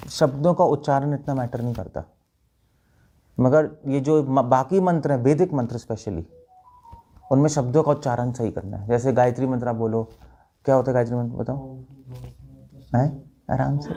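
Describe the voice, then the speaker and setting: A man's voice: mid-range voice, moderate pace, long pauses, dark tone. A man, a monk giving a spiritual talk, questioning his listeners and demonstrating chants. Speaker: monk teacher.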